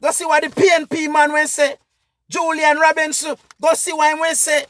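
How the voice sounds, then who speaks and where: Jamaican male vlogger, very high voice, dry sound, impassioned repetitive commentary. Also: level tone, normal speed, fairly bright tone, no room sound. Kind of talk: political commentary rant.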